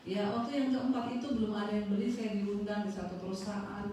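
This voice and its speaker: Wanita berkhotbah di aula bergema. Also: female voice, medium pitch, quick pace, slight background noise. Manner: lively storytelling, acting out dialogue. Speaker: guest preacher. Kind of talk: testimony sermon to a congregation. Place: church hall. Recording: echoey hall from far off.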